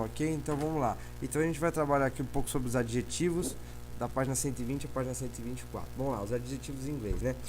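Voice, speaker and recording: A man's voice: medium pitch, slight background noise. Chatty Brazilian man teaching English. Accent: Brazilian Portuguese. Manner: chatty, rambling, self-correcting, checks in often. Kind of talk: casual online lesson with slides.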